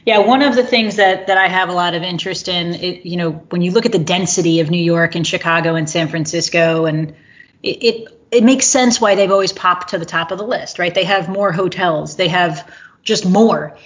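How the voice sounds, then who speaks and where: Low-voiced woman hosting a chat. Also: moderate pace, muffled recording. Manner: curious, thinks aloud while asking questions. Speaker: podcast host. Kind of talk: casual conversational interview.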